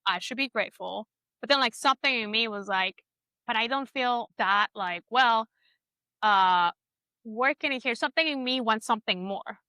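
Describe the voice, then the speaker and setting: This woman in her thirties, an Ecuadorian product designer, shares personal stories as a guest in a relaxed interview. She talks at normal speed in a bright, clear, high voice, keeping it informal with lots of "like" and voiced inner thoughts. The recording is dry.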